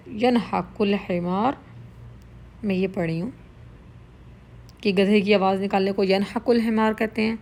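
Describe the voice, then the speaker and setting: A woman with a mid-range, darkish voice teaches Arabic vocabulary in Urdu mixed with English. She is patient, explaining each word slowly and repeating it.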